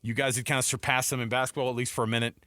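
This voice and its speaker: A sports radio host speaks at a racing pace into a close studio mic, his medium-pitched voice level in tone yet bright and forceful, with no room sound. He hosts a casual sports talk show from a radio studio in an emphatic, exclamatory, conversational manner.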